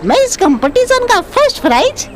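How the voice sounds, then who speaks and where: Brief: woman playing a flamboyant cartoon parrot man, high and announcing. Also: very animated, fairly quick, over music. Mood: delighted. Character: jolly male parrot judge, showy.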